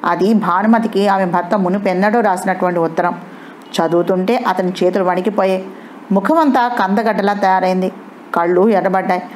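Brief: woman narrator, steady, measured storytelling, mid pitch. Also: slight background noise. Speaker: audio novel narrator. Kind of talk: scripted novel narration.

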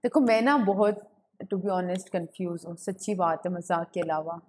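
A woman's voice: on the low side, normal speed, a little mellow, breathy edge. Young female streamer, giggly and chatty, casual home webcam chat. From Pakistan. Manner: giggly, chatty, greets viewers and reads chat aloud. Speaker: gaming livestreamer. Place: home room with a ring light. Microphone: webcam setup.

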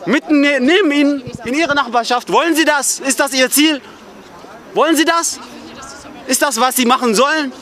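A man protesting outdoors at a memorial, shouting repeated accusing questions at an official in an angry street confrontation. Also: very high voice, normal speed, some chatter behind.

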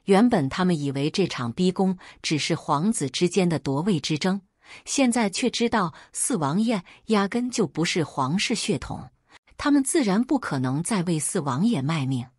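A woman narrating a first-person story in a steady, dramatic storytelling way, with a husky voice. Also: on the low side, moderate pace, dry recording, clean studio sound.

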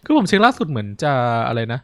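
A man's voice: fairly high pitch, wildly swooping pitch, quick pace, no echo. A man giving casual let's-play commentary, chatty, reacting aloud and reading game lines. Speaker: gaming streamer.

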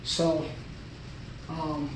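Filmed in a small indoor gym on a camera mic several feet away, this casual workout vlog has an echoey room sound, light background noise, and a voice slightly off mic. The speaker is a trucker and vlogger in his thirties, motivational and plain-spoken, chatting between sets. His fairly high voice is completely flat and extremely slow.

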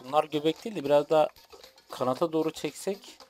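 A man streaming a football video game, giving casual, excitable commentary and talking to the game and his chat. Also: on the high side, fast talker, soft background music. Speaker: gaming streamer.

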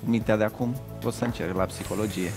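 A Romanian man in his thirties, a quiz contestant who laughs often and answers in quick bursts. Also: fairly low pitch, steady tone, over music. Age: 30s. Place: TV studio.

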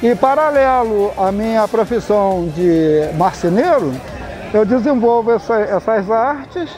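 A man's voice: high-pitched, lively intonation, a little slow, darkish tone, a faint crowd. An older man, a carpenter and artisan, speaking plainly in an outdoor street interview. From Itaguaí, Brazil. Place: outdoor street craft fair. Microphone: lapel mic.

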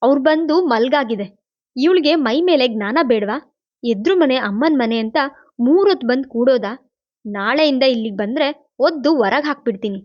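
A woman's voice: on the high side, moderate pace, lo-fi sound, close to an everyday voice. A woman voicing an irritable elder brother who scolds harshly in a storybook reading. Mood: irritated.

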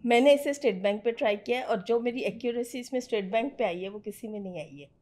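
A woman's voice: a little high, fast talker, a little mellow. A middle-aged woman mentoring a student on trading in a direct, firm conversational way, slipping English phrases into her talk. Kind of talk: conversational teaching.

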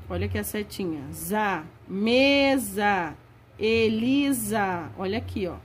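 A woman teacher giving a lesson to young children, spelling out words slowly and stretching them out. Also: medium pitch, a little hiss or hum. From Brazil. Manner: slow, drawn-out spelling of words.

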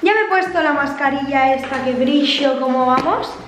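High-voiced young Spanish woman vlogging. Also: normal speed. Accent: Spain Spanish. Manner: chatty and exclamatory. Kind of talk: casual chat to camera. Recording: very echoey room, faint music.

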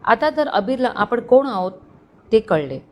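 A woman's voice: a little high, big pitch swings, measured pace, darkish tone, slight background noise. A woman narrator voicing a vengeful, scheming young woman who speaks in a bitter, spiteful way.

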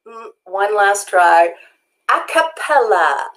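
A woman's voice: medium pitch, expressive, slow pace, a bit bright, poor audio. A woman co-hosting a live children's sing-along from home, cheerful and encouraging, speaking like a teacher. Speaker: children's music co-host.

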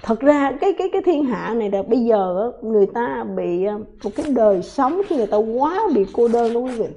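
Female talk host with a high voice who rants hotly and combatively at her audience. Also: animated, brisk, warm tone, a little hiss or hum. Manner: combative, ranting, many repeated words. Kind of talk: heated talk to viewers.

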